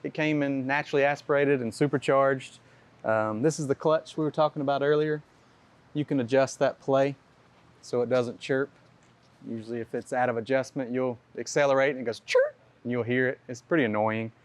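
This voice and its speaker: Mid-pitched man explaining engines plainly. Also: brisk. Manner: plain, practical, hands-on. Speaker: mechanic presenting a tech session. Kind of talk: casual technical explanation.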